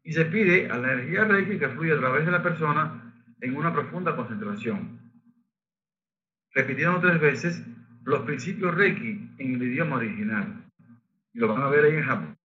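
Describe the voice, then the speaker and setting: A man facilitating a Reiki workshop, explaining techniques and leading the group in slow chanting. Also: a little high, lively intonation, muffled recording, a little hiss or hum. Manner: leads group chanting of Japanese phrases, slow and sung. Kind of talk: spiritual workshop teaching.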